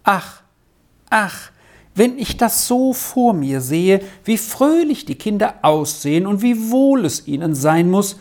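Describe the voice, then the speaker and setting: A woman's voice: medium pitch, very animated, slow, a little mellow. A woman voicing a poor grieving mother in a storybook, plaintive and tearful. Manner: plaintive, sobbing.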